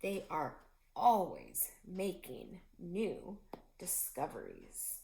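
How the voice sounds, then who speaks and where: A teacher reads a children's book aloud to her class, slow and deliberate, her mellow, creaky voice swinging hugely in pitch as she tells the story. The room she's recorded in is noticeably echoey.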